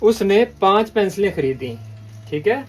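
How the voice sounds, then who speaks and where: A man's voice: sits high, lively intonation, measured pace, slightly rough. A man from Pakistan teaching a language lesson, repeating words and often checking in with the listener. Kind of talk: patient classroom lesson.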